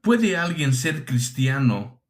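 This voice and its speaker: A man's voice: medium pitch, big pitch swings, slow pace. A man from preaching a teaching sermon, emphatic, asking rhetorical questions and repeating his phrases.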